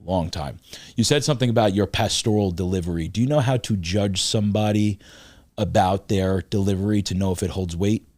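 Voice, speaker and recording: A man with a very deep voice hosts the conversation and answers his guest with affirming, preachy encouragement. The sound is dry and close, with nothing of the room in it. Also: fairly quick, darkish tone, no room sound. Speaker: podcast host. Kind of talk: casual interview chat.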